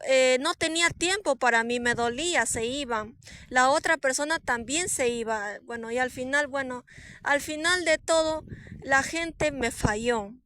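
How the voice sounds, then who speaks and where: A woman, a prophetess, giving an earnest, emotional personal testimony, swinging between soft and emphatic and repeating herself for emphasis. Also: sits high, slight background noise. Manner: repetitive, with frequent restarts and fillers.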